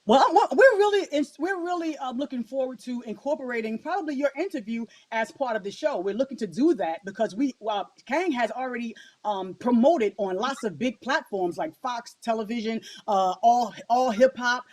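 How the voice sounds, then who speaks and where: A supportive woman producer who talks in an upbeat way. Her voice sits on the higher side, and it comes through a video call. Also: animated, normal speed, few pauses. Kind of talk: casual chat.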